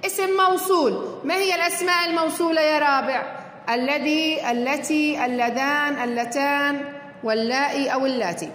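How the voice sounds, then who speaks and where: A woman's voice: high voice, brisk, fairly bright tone. A woman teacher, explaining a worksheet step by step and encouraging her fourth-grade pupils. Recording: echoey room with long reverb, faint noise.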